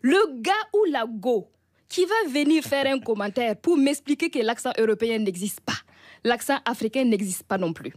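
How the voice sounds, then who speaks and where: A woman with a high voice and a Burkinabè accent delivers a scripted comic column in a radio studio. Her tone is wry and teasing, and light chuckles run through it. The sound is close and dry. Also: animated, normal speed, a little mellow, no echo. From Burkina Faso.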